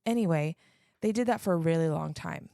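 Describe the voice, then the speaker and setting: A woman's voice: sits low, fairly quick, creaky, warm tone, no echo, clean studio sound. A woman in her thirties co-hosting a podcast, telling a childhood story in casual, self-mocking chat with plenty of swearing. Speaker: podcast co-host.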